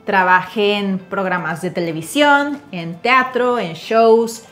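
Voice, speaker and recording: A woman's voice: mid-range voice, slow pace, fairly bright tone, faint music behind. A woman in her thirties from Mexico City with a Mexican Spanish accent, chatting cheerfully as co-host of a language channel, recorded on a lapel mic in a home kitchen. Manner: cheerful, laughs often. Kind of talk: casual bilingual chat.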